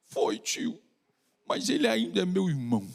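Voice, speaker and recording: A man's voice: huge pitch swings, normal speed, gravelly, heavily acted. A man doing a meek whispery little boy. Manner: high, soft, half-whispered child voice. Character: small hurt boy, timid and tender. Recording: reverberant church hall.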